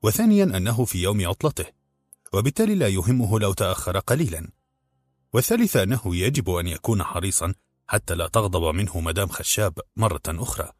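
A man reading a novel aloud in measured, expressive narration. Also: sits low, dry recording, faint music behind. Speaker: audiobook narrator. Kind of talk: scripted narration.

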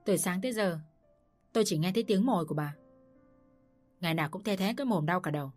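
Casting: a woman as a gruff barking older father-in-law, low-pitched, storybook. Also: expressive, quick pace, a little mellow, faint music behind.

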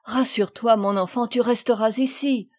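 A gentle, kindly gentleman who reassures a child, voiced by a woman reader. The tone is mellow and soft, recorded dry and close. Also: a little high, fairly even intonation, moderate pace, no room sound, close to an everyday voice. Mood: reassuring.

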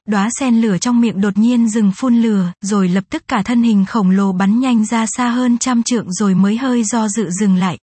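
A woman narrating a fantasy novel in a steady, even reading style. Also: medium pitch, breathy edge, no echo. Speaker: audiobook narrator.

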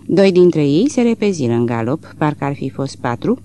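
Male audiobook narrator, warm, dark tone, lively pitch, reads literary prose with feeling. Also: slight background noise. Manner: expressive, rises and falls with the action.

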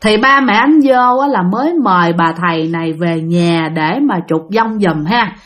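A woman with a Southern Vietnamese accent narrating a ghost story in a chatty, drawn-out way, with many sentence-end particles. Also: medium pitch.

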